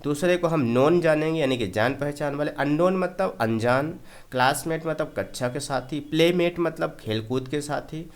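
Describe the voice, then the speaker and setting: A man teaching English vocabulary in a slow classroom style, often checking whether the point is clear and repeating each meaning. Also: on the high side. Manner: explains slowly, keeps asking "clear?" and repeating meanings.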